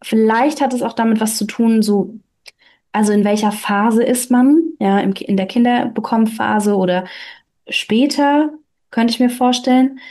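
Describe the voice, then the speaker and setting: A woman who reads a story aloud and then reflects on it in conversation, thinking aloud with pauses and fillers. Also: a little high, warm tone. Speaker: reader and host.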